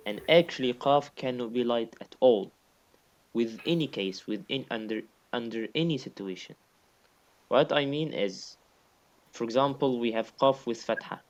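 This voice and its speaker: A man's voice: medium pitch, normal speed. Patient male teacher, muffled lo-fi sound. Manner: patient, repeats points and demonstrates sounds aloud. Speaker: Quran recitation teacher. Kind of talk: online one-on-one lesson.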